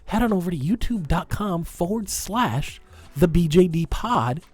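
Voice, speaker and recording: A young man from Massachusetts with a Massachusetts accent, co-hosting a podcast in casual chat, rambling and animated with frequent restarts. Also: high voice, unhurried, soft background music. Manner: rambling, animated, self-interrupting. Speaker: podcast co-host.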